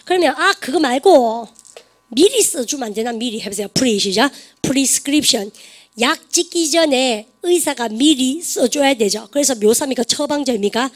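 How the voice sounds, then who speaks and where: A woman teaching an online English grammar lesson, quizzing her students with quick questions. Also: a little high.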